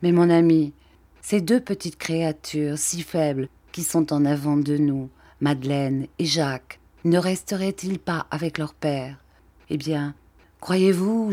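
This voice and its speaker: Brief: a proud, tormented noblewoman in a storybook reading, low and unhurried, read by a woman. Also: mellow, dry recording. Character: proud anguished noblewoman, torn by duty. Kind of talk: audiobook reading.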